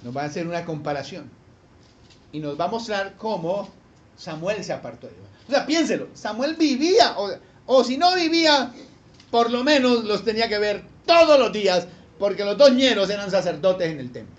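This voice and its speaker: In a high, expressive voice at a normal pace, a man preaches as a pastor, acting out voices and asking rhetorical questions with animation. The recording is slightly dull and lo-fi, with faint noise.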